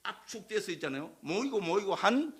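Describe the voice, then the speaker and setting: Older monk lecturer, lively up-and-down delivery, chatty, keeps seeking agreement. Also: male voice, high-pitched, a little fast, breathy edge. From Korea, Gyeongsang region. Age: 60s. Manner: conversational, keeps asking the audience for agreement. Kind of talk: Dharma lecture with personal story.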